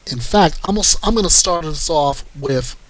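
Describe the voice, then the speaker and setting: A man with a somewhat high voice hosts a true-crime news show. He reads the reports aloud in a plain, steady way, then drifts into loose, halting commentary of his own. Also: slight background noise, low-quality recording.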